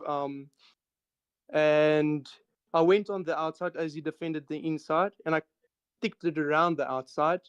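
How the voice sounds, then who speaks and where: A man's voice: a little high, clean tone, dry recording. A man, a sim racing driver, recounting his race in a matter-of-fact way and often restarting words. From South Africa. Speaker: racing driver, interview guest. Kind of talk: post-race interview.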